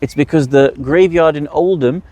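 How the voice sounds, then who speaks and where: Speaking at a normal pace in a warm, fairly high voice, a man teaches a religious workshop. He explains the rules and answers rhetorical questions he puts to his listeners.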